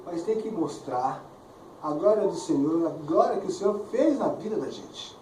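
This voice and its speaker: A man's voice: high voice, animated, moderate pace, dark tone. A man preaching a conversational sermon, often tagging his sentences with "né?". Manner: conversational preaching, frequent "né?" tags. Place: church hall. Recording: echoey church, far mic, clear background noise.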